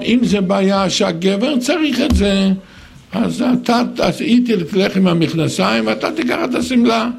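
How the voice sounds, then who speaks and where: An older man giving an animated sermon, acting out other people's words in raised voices. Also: sits high, creaky, slight background noise.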